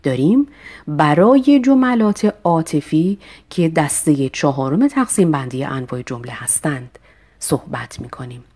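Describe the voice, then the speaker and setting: A woman teaching a poetry recitation lesson, reading verses slowly and expressively, then explaining them with polite, formal address. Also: deep voice, expressive, darkish tone.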